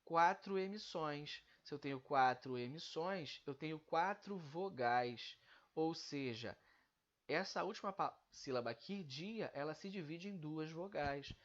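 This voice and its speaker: A man's voice: fairly high pitch, measured pace, lo-fi sound. A male teacher giving a grammar lesson, explaining step by step and drawing out the example words he is breaking down.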